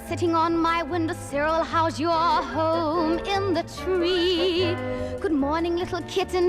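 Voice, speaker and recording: Cinderella, sweet and high. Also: female voice. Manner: sweet and sunny, sings to household things. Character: Cinderella, a kind cheerful young woman. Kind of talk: vintage storybook record acting and singing. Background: orchestral music.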